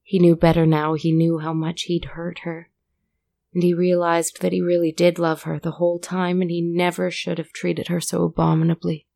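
A woman narrating a story in a measured, deliberate way. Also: sits low, gravelly, a little mellow, no room sound.

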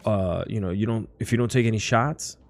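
A man hosts a podcast in an easygoing, rambling manner, his voice sitting a little low. The sound is dry and close, with faint music underneath. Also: brisk, gravelly, no room sound. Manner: chatty, rambling, enthusiastic. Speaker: podcast host. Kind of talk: casual interview chat.

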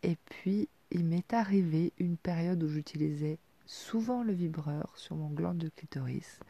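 A woman in her forties giving intimate advice, talking softly and hesitantly with many fillers, often sinking to a near-whisper. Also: low-pitched, a little slow. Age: 40s. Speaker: sex educator.

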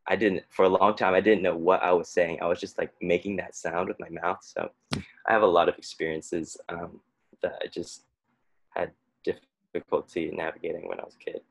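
A young man from Oregon speaks as a panel guest, hesitant and full of pauses. His voice is very low and gravelly. The sound is dry and close. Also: dry recording, dull audio. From Oregon, United States. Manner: hesitant, many pauses and ums. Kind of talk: casual chat.

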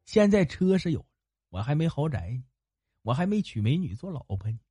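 A man voicing a greedy, good-for-nothing son in a folk tale, talking in a low, rushed and wheedling way. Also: big pitch swings, dark tone, husky, no echo. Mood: eager, fawning. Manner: eager, wheedling, quick. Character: greedy, fawning young layabout son.

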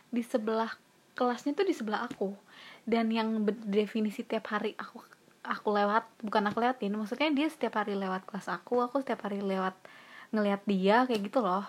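A young woman in her twenties with a husky, slightly breathy voice talks casually. She tells her stories in a lively way, mocking herself and laughing often. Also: on the high side, fairly quick. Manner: lively, self-mocking, slangy. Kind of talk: casual chat.

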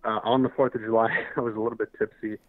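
A man calling in to a talk show over the phone, halting and stammering with many restarts. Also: fairly low pitch, level tone. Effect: heard over the phone. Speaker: caller. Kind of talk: call-in radio talk. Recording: tinny phone line.

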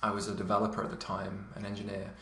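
A man in his thirties, raised in England and Luxembourg, telling stories in a relaxed way with many fillers. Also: lowish voice, very fast, creaky, slight background noise. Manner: relaxed storytelling, many fillers, occasional laughs. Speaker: interview guest. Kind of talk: casual conversation. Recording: echoey room.

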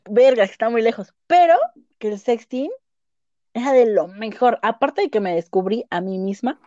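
A woman's voice: a little high, expressive, normal speed, dark tone, no room sound, muffled recording. A young Mexican-accented woman in her twenties, a giggly podcast co-host chatting breezily. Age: 20s. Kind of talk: casual chat.

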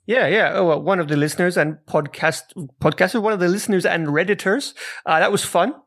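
A man co-hosting a casual gaming podcast, chatting with a dry, deadpan humor. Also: high-pitched, fairly quick. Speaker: podcast co-host. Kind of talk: casual chat.

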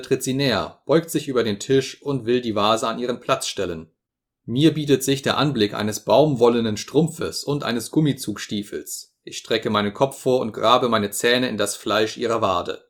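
A man's voice: mid-range voice, natural voice. A man voicing a pompous, self-satisfied elderly male professor in a grandiloquent, lecturing manner, read from a storybook.

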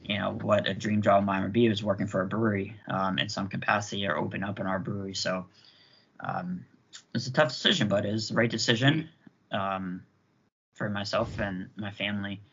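A young man in casual podcast chat, talking in a hesitant, halting way with many restarts over a remote call. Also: on the low side, fairly even intonation, gravelly, a bit bright, a little hiss or hum. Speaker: podcast co-host. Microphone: remote call mic. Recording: dull lo-fi call audio.

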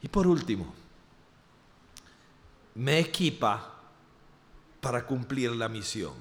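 A man with a Costa Rican accent preaching, telling a humorous personal story in an animated way. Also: medium pitch, slow pace. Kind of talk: storytelling sermon. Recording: reverberant hall.

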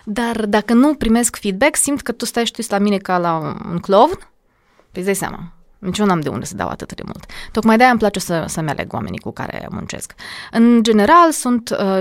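A woman's voice: mid-range voice, dry recording, clean studio sound. A woman from Moldova, a diction coach talking as a podcast guest and acting out her examples. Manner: animated, acts out examples. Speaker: diction and public speaking coach.

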